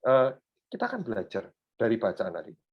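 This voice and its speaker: Lively Surabaya-accented male preacher. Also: lowish voice, quick pace, husky. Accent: Surabaya Javanese. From Surabaya, Indonesia. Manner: animated, addresses the congregation, mixes in English phrases. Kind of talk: sermon. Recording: dull lo-fi sound.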